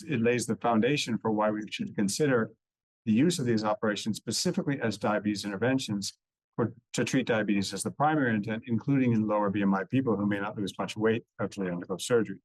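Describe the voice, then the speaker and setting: A man giving a dense, technical medical lecture at a conference, explaining step by step with relaxed asides. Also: on the low side, quick pace, husky, no echo, rough recording. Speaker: conference speaker. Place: conference hall.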